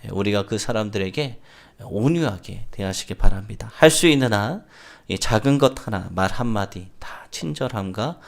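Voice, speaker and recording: A male pastor delivers a sermon in a storytelling way. He often fills pauses with a short "yes" and speaks in a fairly low voice. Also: animated, vocal fry.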